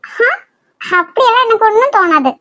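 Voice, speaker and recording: A woman's voice: very high-pitched, lively intonation, moderate pace, sharp tone, no room sound, highs cut off, heavily acted. A woman voicing a shy, coy young wife who is expecting a baby, in a cartoon. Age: young adult. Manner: coy, bashful. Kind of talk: cartoon voice acting.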